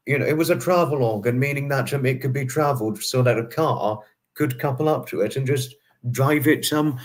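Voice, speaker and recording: A man in his twenties casually chatting to viewers on a livestream, often repeating himself and using quaintly formal phrases. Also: mid-range voice. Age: 20s. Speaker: livestream host.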